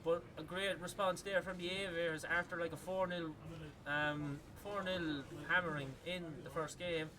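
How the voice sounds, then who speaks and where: A man with an Irish accent doing live esports commentary, talking fast with lots of "like" fillers and rising to shouts on big plays. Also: fairly high pitch. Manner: excitable, rises to yelling on big plays, many "like" fillers. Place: gaming arena venue. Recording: loud crowd behind at a live event.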